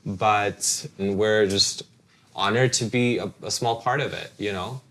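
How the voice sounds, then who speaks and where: A man's voice: on the low side, fairly even intonation, unhurried, fairly bright tone, poor audio. Earnest man from Croatia. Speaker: pop group member. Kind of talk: interview.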